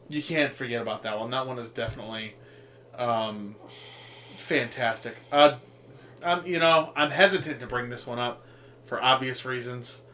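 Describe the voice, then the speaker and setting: A man's voice: mid-range voice, sharp tone, a little hiss or hum. A man co-hosting a casual podcast, rambling through a list with frequent ums, swearing and laughing at his own jokes. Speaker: podcast co-host.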